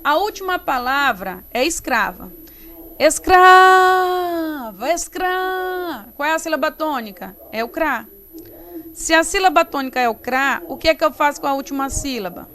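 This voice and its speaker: A Brazilian Portuguese-speaking woman teaching an online class, explaining step by step and sounding out syllables slowly. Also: sits high, animated, fairly bright tone. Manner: slow, explains step by step, syllabifies words aloud. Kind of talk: recorded online class lesson. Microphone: computer mic while writing with mouse.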